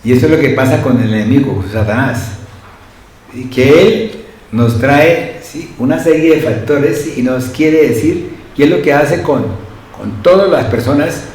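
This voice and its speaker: A man's voice: medium pitch, a little slow, darkish tone. A man preaching a sermon, talking to the congregation and often asking them questions. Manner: conversational, asks the congregation frequent questions. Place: church hall. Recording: very echoey church hall, faint noise.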